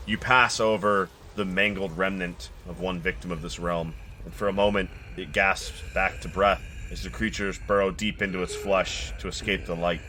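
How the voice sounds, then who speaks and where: Bright, forceful male game master narrating. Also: sits low, slight background noise. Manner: ornate, deliberate storytelling. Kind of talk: dramatic tabletop game narration.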